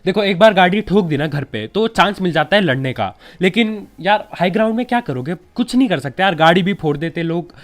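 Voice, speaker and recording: A man's voice: high-pitched, a little fast, few pauses. A young man with a slight cold, chatting casually as a gaming YouTuber giving tips over gameplay and dropping friendly asides to his viewers. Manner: chatty, keeps saying yaar and bhai, relaxed advice.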